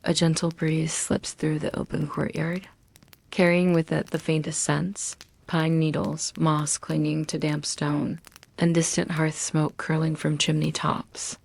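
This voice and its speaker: A woman narrating a bedtime story in a soft, hushed, soothing voice, gently and with long pauses. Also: deep voice, little pitch movement, vocal fry. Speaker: narrator of bedtime history stories.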